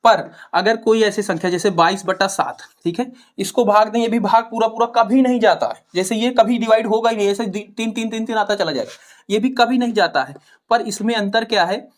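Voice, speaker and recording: A woman's voice: mid-range voice, a little fast. A woman with a Hindi accent from Uttar Pradesh teaching maths. She asks questions, answers them herself and keeps checking with "ठीक है". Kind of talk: classroom-style explanation to students.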